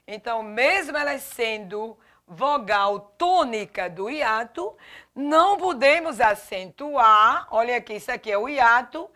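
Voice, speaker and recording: A woman's voice: on the high side, sharp tone. A woman teaching a grammar lesson, spelling out letters and stressing each example word. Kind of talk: classroom lesson.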